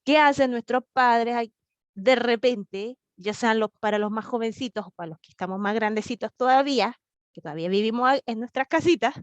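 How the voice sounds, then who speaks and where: Young Chilean woman, Bible teacher on a video call, high voice, dry sound, lively and chatty, quick to laugh. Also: no echo, lo-fi sound. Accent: Chilean Spanish. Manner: lively and chatty, laughs often, acts out dialogues. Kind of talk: online Bible lesson for youth.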